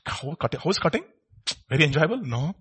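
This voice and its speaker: A man's voice: a little high, sing-song, quick pace, a bit bright, husky. A man with an Indian accent preaching informally, repeating short phrases and putting rhetorical questions to his listeners.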